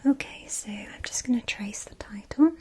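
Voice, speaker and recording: A woman whispering softly and gently in an unvoiced ASMR ramble, chatting casually to her viewers. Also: a little high, moderate pace. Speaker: ASMR video creator.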